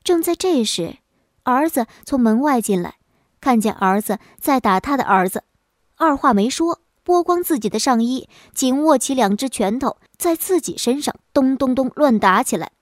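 A woman narrating a folk joke story in a lively, expressive storytelling manner. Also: high voice, moderate pace, no room sound, clean studio sound.

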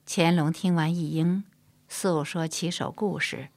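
A woman narrating a historical novel in a measured, soft-spoken storytelling style. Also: low-pitched, fairly even intonation, no room sound. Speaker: audiobook narrator.

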